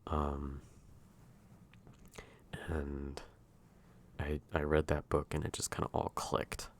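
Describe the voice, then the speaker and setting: A man speaking softly and intimately, close in a soft voice, in a drifting, hesitant ASMR ASMR role-play ramble. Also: a bass voice, completely flat delivery, takes it slowly. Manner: hushed, intimate, near-soft voice at times.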